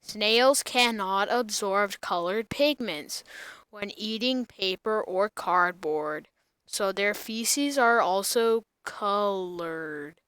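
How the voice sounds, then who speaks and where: A child host reads an article aloud at a slow pace, in a flat monotone. The voice is clean and smooth, with a dry, close sound free of room echo. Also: medium pitch. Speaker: host of a snail facts show. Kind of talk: reading an encyclopedia article aloud to viewers.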